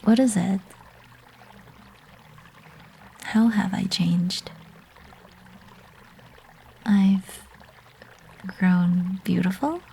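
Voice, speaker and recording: Woman acting a young succubus, ASMR role-play, very breathy, slow, intimate, teasing, possessive ASMR sweetheart. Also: medium pitch, exaggerated voice. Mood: tender, shy. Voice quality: breathy, soft.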